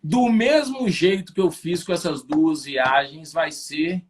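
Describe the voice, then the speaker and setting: Brazilian guy, business owner, high-pitched voice, telling a story all animated on a live stream interview. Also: slow pace. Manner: animated, lively anecdotal storytelling.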